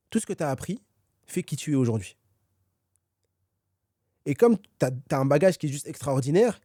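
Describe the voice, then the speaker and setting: Man, podcast guest author, mellow tone, fairly high voice, dry close sound, lots of hesitations. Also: dry recording. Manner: energetic, many fillers and restarts. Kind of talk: conversational podcast dialogue.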